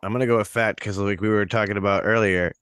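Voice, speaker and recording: A man's voice: lowish voice, steady tone, fast talker, fairly bright tone, clean tone, no echo, clean studio sound. A laid-back man in a casual chat with friends, often restarting his sentences.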